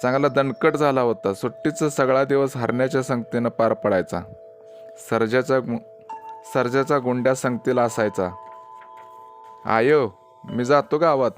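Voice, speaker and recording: A male storyteller reads a rural tale in an unhurried, scripted way. His voice sits at an average pitch for a man. Soft background music plays faintly under the narration. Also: fairly even intonation.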